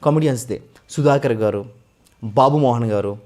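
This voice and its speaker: A man from West Godavari in India, a mimicry artist, telling his story in a casual interview and often addressing the interviewer as sir. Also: medium pitch. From West Godavari, Andhra Pradesh. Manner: fast, animated storytelling with frequent sir.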